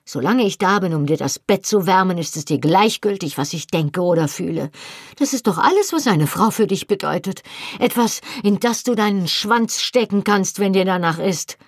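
A woman reading an audiobook voices a defiant, sharp-tongued young wife, speaking with biting scorn. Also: animated, normal speed, husky, dry recording, studio quality. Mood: bitter, furious. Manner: biting, rising to shrill shouts.

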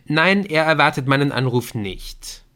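A man voicing an excitable young man in an audiobook, talking urgently and emphatically. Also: on the high side, measured pace, pitched above the performer's own voice, heavily acted. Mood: insistent. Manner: urgent, emphatic, a little brash.

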